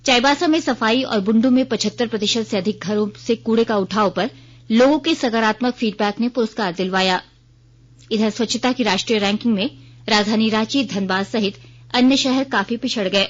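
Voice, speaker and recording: A woman with an Indian accent works as a radio newsreader, delivering a formal, scripted news bulletin. Her voice sits on the high side and moves fairly quickly. The audio is dull and band-limited, like a radio broadcast.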